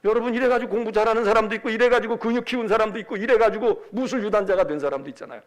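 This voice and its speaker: A senior pastor preaching a sermon. He is animated and emphatic, and he acts out quoted speech. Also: sits high, very fast.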